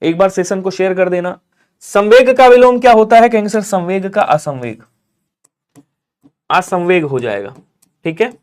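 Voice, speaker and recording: A man with a high-pitched voice runs a live online exam-prep class. He keeps pressing viewers to comment fast and voices the students' answers himself. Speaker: Hindi teacher.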